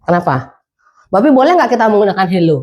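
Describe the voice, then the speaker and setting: Balinese-accented woman lecturer, middle-aged, animated, keeps asking the class stuff. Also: medium pitch, fast talker. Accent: Balinese Indonesian. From Indonesia. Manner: lively, demonstrative, asks the class questions. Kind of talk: classroom lecture mixing English phrases.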